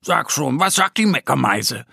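A friendly, curious bear cub in a children's audio story. He speaks near his own voice with a husky edge. The recording is dry and close. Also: medium pitch, expressive, normal speed, pushed and bright, no echo, heavily acted. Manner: curious, asking.

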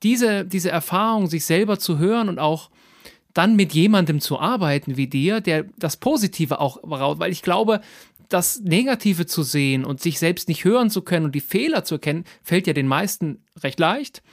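A man hosts a podcast interview with a fairly high voice, often restarting and repeating words as he forms questions. His voice sounds dry and close to the microphone, with no room around it. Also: lively intonation, moderate pace, no room sound. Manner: hesitant, repeats words while forming questions. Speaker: podcast host. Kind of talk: conversational interview.

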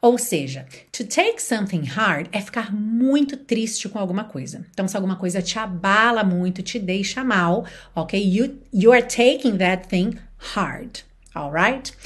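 A woman's voice: medium pitch, expressive, unhurried, slightly rough. A woman with a Brazilian Portuguese accent, teaching English in a patient lesson and acting out example phrases. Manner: explains patiently, asks the viewer questions, acts out example phrases.

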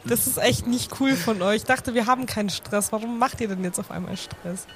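Easygoing young adventurer, put on by a man, soft, high, placating. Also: brisk, slight background noise.

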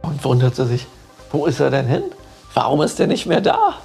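A man's voice: medium pitch, very animated, normal speed, creaky, darkish tone, breathy edge, soft background music. A man casually retelling a legend in a loose, conversational way, with many fillers. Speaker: storyteller.

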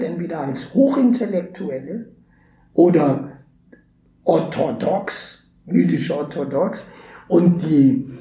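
With a warm voice that runs on the high side, a Brazilian man who grew up speaking Portuguese is interviewed conversationally on a podcast about his work as a theatre educator. He pauses, uses fillers, and restarts often while thinking things through. There's a roomy echo and a faint background hiss.

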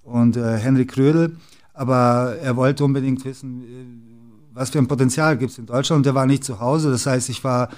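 This middle-aged interview guest from the former Yugoslavia runs a basketball club and chats casually, full of fillers and restarts. His voice is mid-range and darkish, steady in tone, at normal speed.

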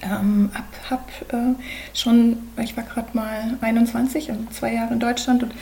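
A woman in her forties from Germany, a podcast guest, talking thoughtfully with many pauses and fillers. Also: on the high side, level tone, gravelly, darkish tone. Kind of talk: conversational podcast interview.

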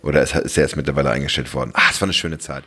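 Low voiced guy hosting a podcast, chatty, rambles through his questions. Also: steady tone, racing, bright, forceful tone. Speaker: podcast host. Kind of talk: podcast interview.

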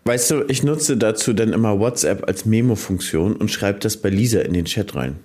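A man's voice: on the low side, moderate pace, a little mellow. A man co-hosting a casual podcast, chatting easily about his farm work. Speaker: podcast co-host; farmer running a grain dryer. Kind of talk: casual chat.

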